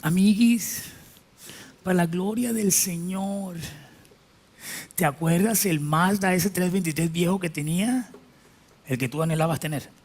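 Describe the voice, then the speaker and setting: A man's voice: high voice, a little slow, long pauses, a little mellow, voice pushed up. A pastor voicing a boastful man who shows off his new riches to an old friend. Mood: smug bragging. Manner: smug, showing off.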